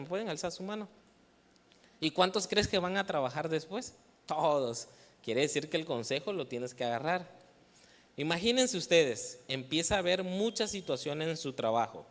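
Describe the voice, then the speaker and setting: This man's voice is fairly high and a bit bright, carrying a Mexican Spanish accent. Preaching to young people in a church hall with heavy echo, he poses questions, pauses for replies and ribs his listeners in good fun.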